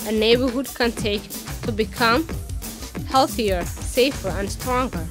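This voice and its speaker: A woman narrating a documentary from a script, with a clear, measured delivery. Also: on the high side. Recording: narration over music.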